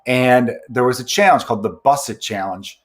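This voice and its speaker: A man's voice: mid-range voice, moderate pace. A man hosting a podcast in casual chat, rambling and joking as he goes. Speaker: podcast host.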